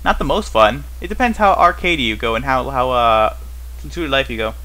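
On poor audio, a man with a mid-range voice speaks at normal speed, his tone pushed and bright. Hosting a gaming series, he gives casual, unscripted gameplay commentary, rambling and thinking aloud while asking himself wry, puzzled questions.

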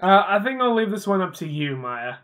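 An easygoing woman playing a game alongside a friend, her middle-pitched voice moving up and down a lot. She keeps things relaxed and backs her partner with short replies. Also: brisk, a little hiss or hum. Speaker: let's play co-host. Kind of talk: casual game commentary.

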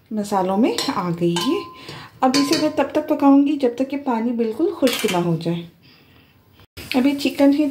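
A woman hosting a home cooking tutorial, calmly explaining each step as she goes. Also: on the high side, a little hiss or hum. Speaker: cooking channel host. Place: home kitchen.

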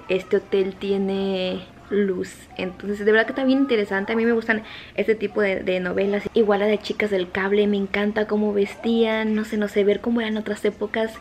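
A young woman, rambling to camera in a casual vlog at home at night, keeping her voice low while others sleep. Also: a little mellow, slight background noise. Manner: chatty and rambling, with many fillers. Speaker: vlogger.

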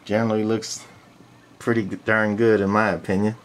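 A vintage radio collector with a fairly low, flat-pitched voice gives a casual, unscripted walk-through of a piece of gear, speaking matter-of-factly and haltingly with frequent pauses. He's in a small indoor room, picked up by a handheld camcorder's built-in mic with slight background noise.

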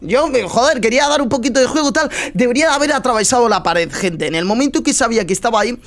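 A man from chatting casually over gameplay, just woken up, slangy and prone to loud teasing shouts. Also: very high voice, quick pace. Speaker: gaming streamer.

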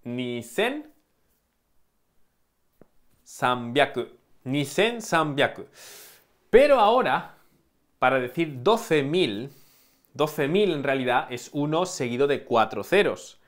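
Lively man drilling numbers slowly. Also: medium pitch. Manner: lively, drawn-out slow drills with playful asides. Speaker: Japanese teacher. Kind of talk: online language lesson.

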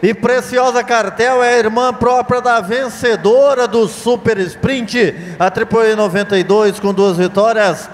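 A man's voice: very high voice, fairly even intonation, unhurried, few pauses. A Brazilian man presenting lots as an auction commentator, formally listing achievements. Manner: formal, list-like delivery of achievements. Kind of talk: sales presentation, announcer commentary. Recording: long hall reverb.

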